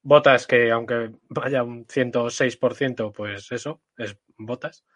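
A man's voice: medium pitch, steady tone, slow pace, a bit bright, dry recording. A man from the panel of a motorsport podcast, commenting casually and bluntly in a Spain Spanish accent, with wry colloquial asides.

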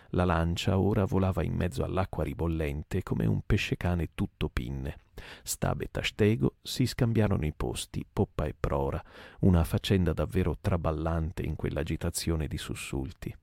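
Deep gravelly male storyteller. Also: no room sound, clean studio sound. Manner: calm literary narration with small slips and restarts. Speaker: narrator. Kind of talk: soporific audiobook reading.

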